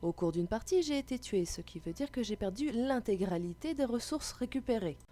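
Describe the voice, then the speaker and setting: A woman's voice: a little high, lively intonation, fairly quick, dark tone. A woman gamer delivers an exasperated rant. She lays things out like a careful explanation, with the sarcasm of a raging player who has had enough. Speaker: gamer telling a gaming story. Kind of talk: gaming rant, explanatory narration.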